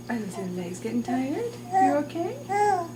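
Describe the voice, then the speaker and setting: A mother cooing to her baby at home in gentle, sing-song baby talk. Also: very high voice, far from the mic, heavy background noise.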